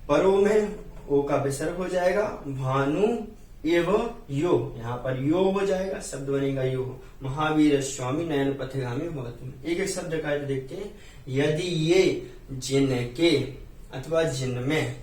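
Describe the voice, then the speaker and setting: A man with a Hindi accent teaches a Jain hymn line by line, slowly chanting verses and explaining each word. His voice sits somewhat high and comes from a distance in a roomy, echoing space. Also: darkish tone. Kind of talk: teaching Sanskrit hymn recitation and meaning. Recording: roomy echo, distant from mic.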